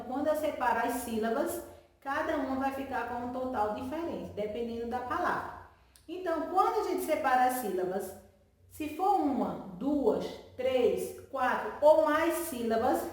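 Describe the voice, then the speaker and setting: A woman's voice: sits high, far from the mic. A woman teacher giving a remote lesson to children, stretching out words syllable by syllable and answering her own questions in a sing-song way. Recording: echoey room, voice from off-mic.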